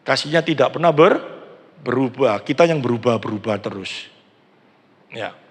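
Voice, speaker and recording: Asking questions of the congregation, a pastor in his sixties with an East Javanese accent gives a conversational sermon in a big, reverberant church hall. He speaks at a moderate pace in a mid-range voice with lively intonation.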